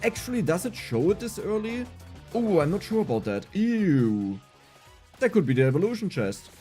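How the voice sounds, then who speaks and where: Lively German-accented male streamer. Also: high voice, moderate pace, faint music behind. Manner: animated, self-mocking, reads chat aloud and answers it. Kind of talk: casual livestream gameplay chat.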